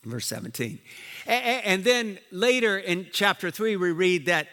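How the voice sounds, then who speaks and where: A man who grew up in Liberia, preaching a sermon as a pastor, animated and full of restarts and asides. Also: high voice, moderate pace, in a large hall.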